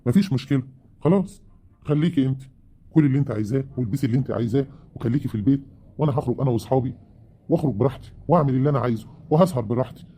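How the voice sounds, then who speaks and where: A man's voice: medium pitch, rapid-fire, breathy edge, close to an everyday voice. A man with an Egyptian accent playing a bitter, worn-out older husband in a family web drama. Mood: dismissive. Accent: Egyptian Arabic. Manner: reproachful, rising to shouting.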